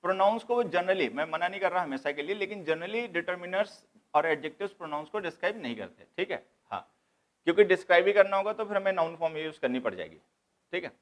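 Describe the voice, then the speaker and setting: ऊँची आवाज़ वाला व्याकरण शिक्षक. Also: male voice, high-pitched, lively intonation, fast, fairly bright tone. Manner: explains step by step, repeats key points, mixes English terms into Hindi. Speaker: English grammar teacher. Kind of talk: classroom lecture.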